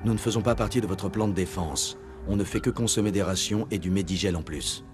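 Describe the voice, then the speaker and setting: An actor playing a composed, authoritative military commander in a video game, terse and matter-of-fact. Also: male voice, deep voice, fairly quick, faint music behind, close to an everyday voice. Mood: composed, persuasive. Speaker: commander, special agent.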